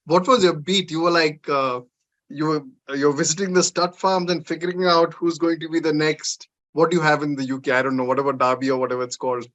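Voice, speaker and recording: A man hosting a podcast, asking questions in a relaxed, conversational way with frequent fillers. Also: fairly high pitch, brisk. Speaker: podcast host. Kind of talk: interview conversation.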